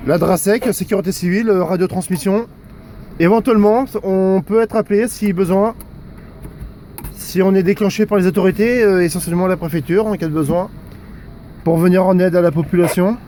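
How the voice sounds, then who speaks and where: An amateur radio operator and civil security volunteer gives casual commentary outdoors in a storm, hesitant and conversational, often repeating himself. His high voice is steady, a little fast, and dark in tone. Windy outdoor noise fills the recording, with faint wind in the background.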